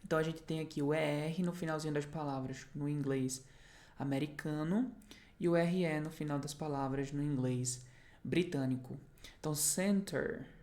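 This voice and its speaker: A woman with a notably low voice and a Brazilian Portuguese accent, walking through an English lesson. She explains points patiently, step by step, and keeps checking that the learner is following along. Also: mellow. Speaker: English teacher. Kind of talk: online language lesson.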